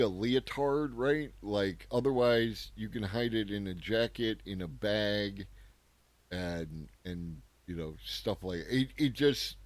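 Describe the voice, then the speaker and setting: A man with a low, deep voice hosts a casual news commentary, musing aloud in a loose, sarcastic way. He keeps checking in with the listener through quick tag questions. The sound is dry and close, with no room echo. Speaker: host of a daily news commentary show.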